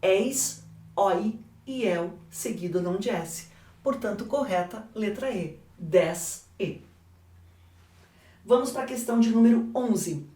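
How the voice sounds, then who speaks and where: In an echoey room and far from the mic, a Brazilian woman teaches an exam correction lesson with a Brazilian Portuguese accent. She speaks slowly in a medium-pitched, dark voice with lively intonation, asking questions and answering them herself.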